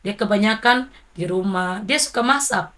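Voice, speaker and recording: A woman's voice: mid-range voice, normal speed. Grieving mother. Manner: soft, grieving, reflective storytelling. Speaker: interviewee, mother of a fallen soldier. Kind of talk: emotional interview recollection.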